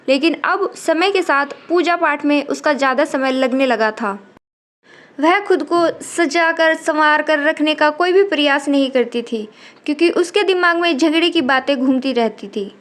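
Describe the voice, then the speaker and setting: A woman narrates a scripted story in a steady, measured reading voice. Her pitch sits high. She tells it plainly, without much show.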